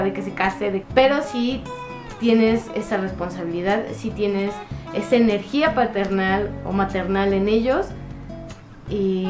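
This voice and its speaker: A woman vlogger chatting casually to camera, giving advice in a friendly way full of fillers. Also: medium pitch. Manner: chatty, warm advice with diminutives and frequent fillers. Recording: echoey room with guitar music.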